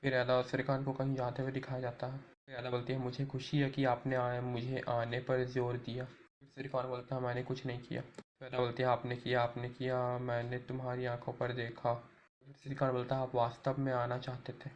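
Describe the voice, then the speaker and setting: A man's voice: mid-range voice, monotone, fairly quick, slight background noise. A man narrating an episode recap, retelling each scene and reading all the characters' lines himself.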